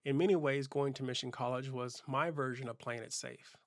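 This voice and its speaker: A man's voice: mid-range voice, fairly even intonation, brisk, dry recording, studio quality. A man from Southern California, a keynote speaker and channel host, telling his life story in an earnest, reflective way, often restarting his sentences. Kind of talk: personal storytelling monologue.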